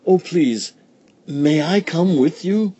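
A man's voice: on the high side, slow pace, warm tone, breathy edge, dry recording, highs cut off, pitched above the performer's own voice. A man voicing a poor old village woman in a storybook, eager and pleading, a little breathless.

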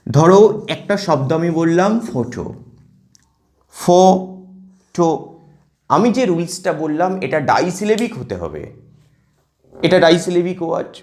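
A male teacher explaining an exam topic step by step, often checking that students follow and reading verse lines slowly, syllable by syllable. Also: a little high, sing-song. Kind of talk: exam prep lesson.

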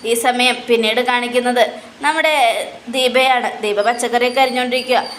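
A chatty woman retells a TV serial episode scene by scene and corrects her own slips along the way. Her voice sits slightly high. A faint hiss runs underneath. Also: fairly even intonation, normal speed, fairly bright tone. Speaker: serial recap narrator.

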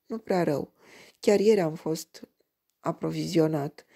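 Male diner barman read by a woman, practical, steady, husky, gravelly. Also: low-pitched. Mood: matter-of-fact.

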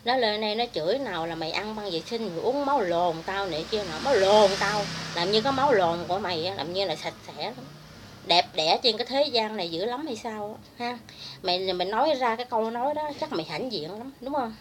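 A woman's voice: medium pitch, expressive, brisk, a little hiss or hum. A woman ranting angrily and crudely at someone in a vlog. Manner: heated, crude, insulting. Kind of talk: angry vlog rant.

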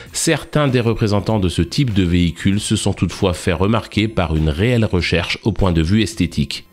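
A man narrates in a formal, literary register, every sentence read evenly as if from a prepared text. His voice sits a little low. Quiet music runs in the background throughout. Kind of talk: scripted narration. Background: faint background music.

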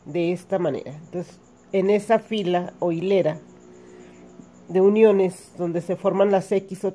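In a dark-toned, mid-range voice, a woman teaches hand embroidery with patience. She walks through the process one step at a time, describing every stitch while she sews.

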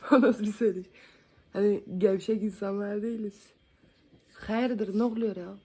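Sitting indoors at home, a young woman from Van in Turkey films a casual makeup vlog, talking with her viewers in a chatty, self-mocking, joking way. She speaks at a measured pace in a steady, medium-pitched voice that is mellow and slightly rough.

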